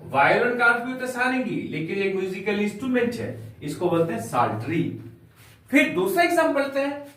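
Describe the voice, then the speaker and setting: A high-pitched man teaching an English lesson, spelling out words one letter at a time at an unhurried pace. His voice swings up and down a lot as he explains. He sounds far from the mic in a very echoey room. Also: sing-song, a bit bright. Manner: slow, spells words letter by letter, calls viewers dear children.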